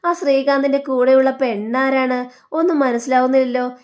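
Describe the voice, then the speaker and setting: A woman's voice: high voice, fairly even intonation, moderate pace, darkish tone, natural voice. A woman reading as a gossipy neighbour woman. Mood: nosy. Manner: nosy, exclaiming. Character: gossipy middle-aged woman.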